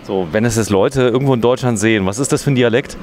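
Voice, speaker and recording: A man's voice: mid-range voice, quick pace, a little mellow. A man hosting a video at a demolition site, chatting with workers and commenting on the work. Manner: chatty, curious, interviewing. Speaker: video host. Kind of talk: vlog commentary. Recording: outdoor noise with traffic.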